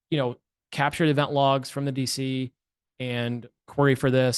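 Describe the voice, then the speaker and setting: A man's voice: medium pitch, dry recording, studio quality. A man presenting a webinar as a penetration tester, talking casually and correcting himself as he goes. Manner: chatty, uses filler words and restarts, self-corrects often.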